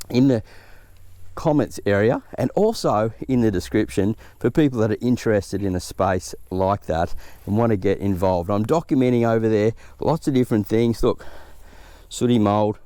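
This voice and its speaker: A man's voice: fairly low pitch, dark tone, no echo. Easygoing man in his garden. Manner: chatty, easygoing, upbeat. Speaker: gardening channel host. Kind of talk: casual vlog chat. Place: outdoors in his vegetable garden.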